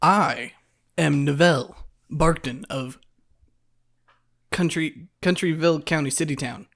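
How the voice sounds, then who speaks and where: A man's voice: fairly high pitch, measured pace, creaky, fairly bright tone. A man playing a tabletop game, bantering casually in a dry, mildly annoyed manner.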